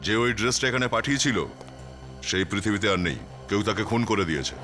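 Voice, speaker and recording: An actor playing a stern, probing detective in an Indian TV crime drama. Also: male voice, fairly low pitch, expressive, fast, over music, natural voice. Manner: probing, insistent. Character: stern male police detective pressing suspects.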